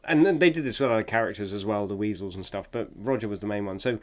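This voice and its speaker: A man with a fairly low voice joins a film podcast as a guest. He speaks with eager enthusiasm, telling behind-the-scenes anecdotes in a conversational way. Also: fast talker. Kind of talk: casual film discussion.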